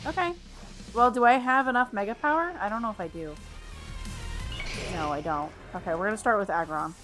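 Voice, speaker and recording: A woman's voice: mid-range voice, fairly quick. A woman livestreaming a game, thinking aloud and musing to herself as she plays. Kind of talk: thinking aloud during gameplay. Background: game music.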